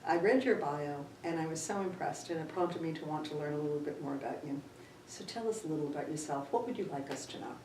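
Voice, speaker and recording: A woman's voice: sits low, a little mellow. A woman interviewing local candidates for town office in a gracious, complimentary way. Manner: gracious, complimentary, slow-paced. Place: town library room. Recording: echoey room, far from mic, faint hum.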